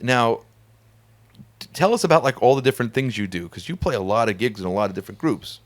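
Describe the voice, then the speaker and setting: A man hosting a casual studio conversation, talkative and animated, laughing often. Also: mid-range voice, fast. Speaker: podcast host. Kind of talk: casual chat.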